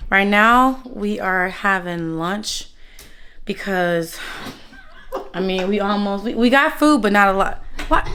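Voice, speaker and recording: A woman's voice: mid-range voice, animated, takes it slowly, bright, forceful tone, slight background noise. A woman filming a casual family vlog at home over lunch, chatting to the camera. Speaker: vlogger. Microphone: handheld camera.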